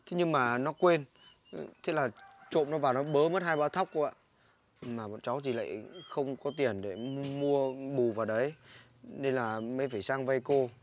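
A man's voice: medium pitch, normal speed, slight background noise, natural voice. A man with a Northern Vietnamese accent playing an exasperated older brother who scolds his little sister in a village comedy sketch. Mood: pleading. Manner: scolding, exasperated, loud complaining.

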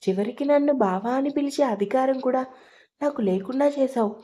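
A woman voicing a furious, heartbroken young heroine who makes sharp, tearful accusations in an audio story. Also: high-pitched, moderate pace, close to an everyday voice. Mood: bitter.

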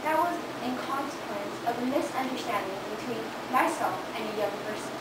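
A young woman in an amateur play acting a polite, deadpan butler. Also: fairly high pitch, brisk, distant mic, natural voice. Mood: deferential, dry. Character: deferential, dry male butler. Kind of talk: amateur stage-play acting for a student project. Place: large living room, indoors. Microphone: camera several metres away. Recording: very noisy, echoey room from afar.

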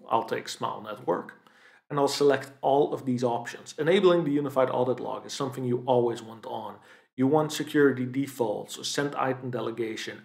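A young man presenting a product demo of his own software tool, explaining features with enthusiasm, some fillers and self-corrections. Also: mid-range voice, creaky, echoey room. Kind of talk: screen-share product demo.

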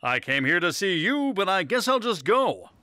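Suave, animated superhero star. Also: male voice, sits high, normal speed. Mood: confident, kindly. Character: confident, friendly male superhero celebrity. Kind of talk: children's cartoon acting. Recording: loud music behind the voice. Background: loud music.

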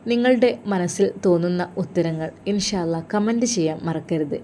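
A woman tells a scripted family story in a measured, emotive way. Her voice is mellow and warm, at a middle pitch. A faint hiss runs underneath.

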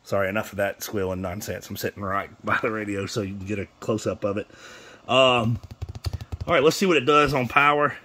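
This is a seller's offhand, rambling, matter-of-fact demo of secondhand radio equipment, filmed on a handheld phone kept near the radio in a small room. He speaks fairly quickly in a lowish, bright, forceful voice, and background noise is clear.

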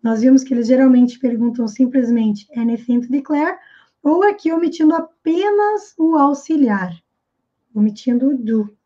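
High-voiced Brazilian woman teaching English. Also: lively intonation, dark tone, muffled recording. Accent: Brazilian Portuguese. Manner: repeats English phrases slowly and carefully. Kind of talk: explaining pronunciation in a video lesson.

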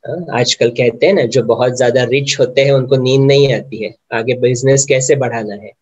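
A man's voice: mid-range voice, highs cut off. A man giving a spiritual meditation lecture, often putting questions to his listeners and mixing English words into his talk. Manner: asks the audience many questions; mixes English words into Hindi. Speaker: meditation teacher.

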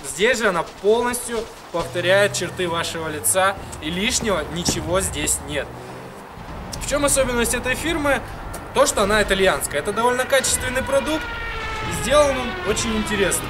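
Man, talks through a face mask, higher voice, matter-of-fact gear reviewer, outdoor noise loud behind him. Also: expressive, brisk. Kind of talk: product review to camera. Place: outdoors in freezing weather.

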